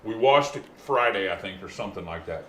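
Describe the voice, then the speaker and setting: A man's voice: fairly low pitch, expressive, fairly quick, a bit bright. A man chatting casually as a show host, with a laid-back stoner way of talking full of slang and swearing. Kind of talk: casual chat. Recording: roomy echo, faint background noise.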